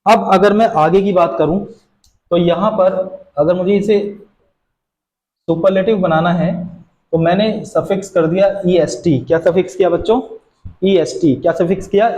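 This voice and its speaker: A teacher with a high, mellow voice walks students through grammar rules, often asking a question and then answering it himself. His voice carries the echo of a bare room. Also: moderate pace. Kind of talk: classroom grammar lesson.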